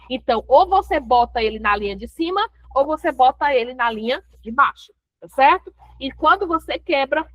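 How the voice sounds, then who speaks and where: A woman's voice: high voice, no echo. A woman teaching essay writing with a Brazilian Portuguese accent in an online class, explaining step by step and answering her own questions. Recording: dull, dry lo-fi audio.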